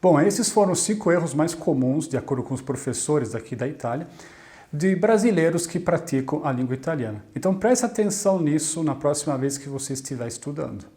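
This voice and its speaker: A man, teaching a scripted video lesson and slowing down to model words clearly. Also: a little high, animated, warm tone. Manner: clear, deliberate, slows down to model Italian words. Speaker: Italian language teacher.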